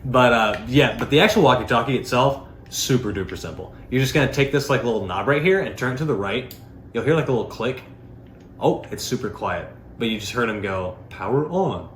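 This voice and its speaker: A product reviewer, male, rambles through a casual, unscripted demo full of filler words. His mid-range voice is animated and a little bright, and he talks slightly fast. The recording has a roomy echo and faint background noise.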